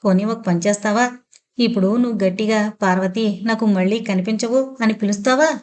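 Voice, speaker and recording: A woman's voice: medium pitch, fairly quick, darkish tone, close to an everyday voice. A woman voicing an anxious, determined father who presses with urgent questions.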